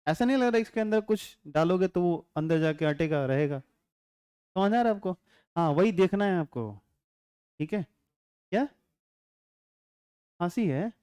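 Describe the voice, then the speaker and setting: A man teaching physics in a calm, unhurried way, chatting and joking with students and often checking whether they follow. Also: sits high, clean tone, no room sound, clean studio sound. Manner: chatty, joking asides, constant rhetorical check-ins. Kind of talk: classroom lecture.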